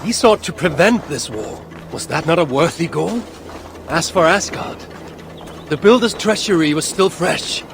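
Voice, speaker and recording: An actor playing a proud, brooding Norse god king in a video game, speaking with solemn, archaic formality in a gravelly voice. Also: fairly high pitch, lively intonation, a little slow, noisy background. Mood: defensive. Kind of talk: dramatic game cutscene acting.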